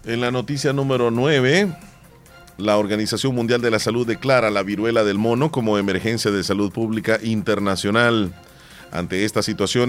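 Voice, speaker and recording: A Salvadoran man with a low voice hosts a morning radio show. He reads the news and chats in a relaxed, conversational way, over a faint music bed. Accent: Salvadoran Spanish. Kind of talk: reading news and casual chat.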